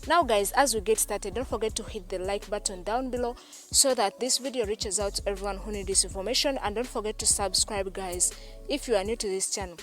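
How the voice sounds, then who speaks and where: Soft music plays behind this Ugandan YouTuber as she talks a little fast in a mid-range voice over her screen recording. Her tutorial narration circles back on itself often, and "guys" comes up again and again.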